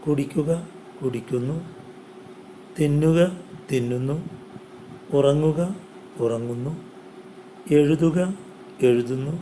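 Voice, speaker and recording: A Malayali man teaches an English grammar lesson at a very slow, careful pace. He reads vocabulary lists one word at a time, pausing after each. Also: medium pitch, fairly even intonation, mellow, a little hiss or hum. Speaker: online English tutor.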